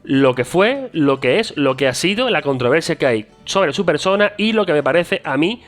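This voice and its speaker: A man's voice: a little high, animated, moderate pace, soft background music. A middle-aged man from Spain with a Spanish accent, chatting casually and jokingly in a vlog, often mocking himself. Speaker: vlogger.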